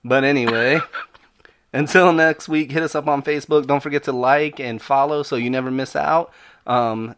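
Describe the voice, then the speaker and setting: Casting: male podcast host, American accent, medium pitch, casual but emphatic and preacherly, punches short repeated phrases. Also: fairly even intonation, normal speed, fairly bright tone, slight background noise.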